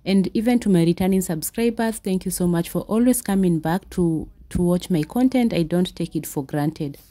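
A woman's voice: on the low side, normal speed, warm tone. A woman in her twenties chatting casually in a home vlog, with frequent "uh" fillers, recorded in her living room. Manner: chatty, with many "uh" fillers and restarts. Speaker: vlogger.

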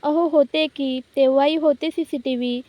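A woman's voice: high-pitched, steady tone, moderate pace, dark tone, no room sound, lightly acted. Woman retelling as a nervous male bank manager. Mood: explaining. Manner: retold in the narrator's own voice.

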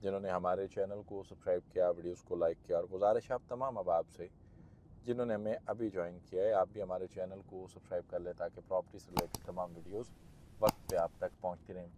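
A man's voice: low voice, fairly even intonation, quick pace, warm tone, a little hiss or hum. A man with a Pakistani Urdu accent giving a persuasive, emphatic sales commentary on a property site tour from a moving car. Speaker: property marketing host. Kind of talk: site-visit vlog commentary.

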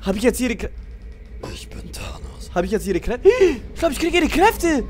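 A man's voice: extremely high pitch, very animated, brisk. A young man giving casual live gaming commentary as a streamer, with slangy, boastful trash talk. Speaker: game streamer. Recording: music behind the voice.

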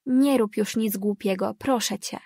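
A woman reading the lines of a worried teenage sister in an audiobook, soft and affectionate. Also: mid-range voice, unhurried, gravelly, dry recording, studio quality. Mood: tender.

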